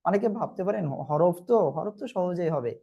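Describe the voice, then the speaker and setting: A man with a Bangladeshi Bengali accent teaches Arabic letters in a Quran reading lesson, patiently repeating himself and checking that learners follow. His voice is high-pitched, expressive, brisk, gravelly and warm.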